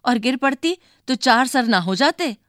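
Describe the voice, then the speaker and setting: A woman voicing a bossy, quick-tempered young boy who bullies his little sister, in a storybook reading. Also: sits high, animated, a bit bright, no echo, clean studio sound, pitched above the performer's own voice.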